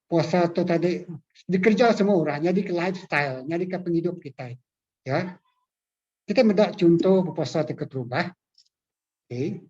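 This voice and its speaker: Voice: mid-range voice, moderate pace, pauses often, darkish tone, breathy edge, muffled recording. A pastor, teaching a Bible class over a call, repeating key phrases and checking that listeners follow.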